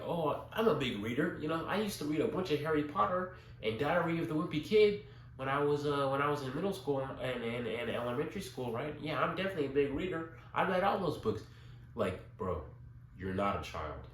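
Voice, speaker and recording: Young male vlogger, low congested voice, informal and rambling, recorded in an echoey room. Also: a little mellow. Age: young adult. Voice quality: stuffy, congested nose. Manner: informal, rambling, often checking in with "right?". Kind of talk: casual spoken vlog. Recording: roomy echo, noticeable background hiss.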